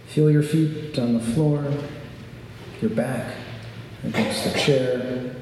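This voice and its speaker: Guy leading a calm grounding exercise in a sermon, takes his time, big church reverb, bit of hiss. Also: mid-range voice, distant mic. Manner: measured, reflective, deliberate. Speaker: preacher. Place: large reverberant sanctuary. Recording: very echoey large hall, faint noise.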